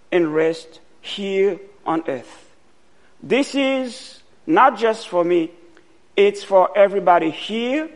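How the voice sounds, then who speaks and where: Slow, gravelly-voiced man from Haiti preaching. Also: high voice. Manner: slow and deliberate, pausing often. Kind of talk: sermon.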